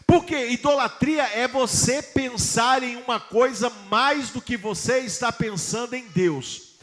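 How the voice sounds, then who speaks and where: A pastor preaching a sermon to his congregation, putting questions to them emphatically and reading scripture slowly. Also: extremely high pitch, fairly bright tone.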